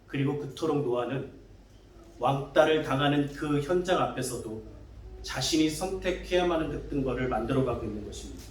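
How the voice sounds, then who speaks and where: Pastor preaching in an echoey church. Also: male voice, a little high, a little hiss or hum. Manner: asks the congregation questions, acts out neighbors' taunts. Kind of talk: sermon. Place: church sanctuary. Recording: echoey church hall from far off.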